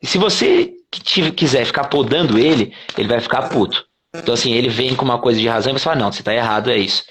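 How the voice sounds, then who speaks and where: Fast-talking Brazilian CEO, salty and animated. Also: male voice, mid-range voice, a little hiss or hum. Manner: fast, animated explaining with swearing and acted-out quotes. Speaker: CEO and interview guest. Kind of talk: casual interview talk.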